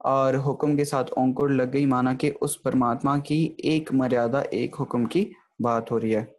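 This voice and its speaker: A Gurbani grammar teacher gives an online lecture in a medium-pitched, steady voice at normal speed. He explains the material step by step and keeps checking in with his listeners by saying "thik hai."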